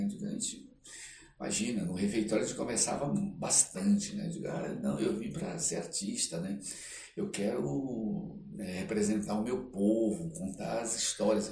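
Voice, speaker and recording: In a fairly low pitch, this Brazilian man from the Amazon, an actor appearing as an interview guest, relates casual anecdotes about his life. He brings dialogue to life with animation, though his speech halts and he leans on "né" tags. The sound is distant and echoey, with faint noise underneath.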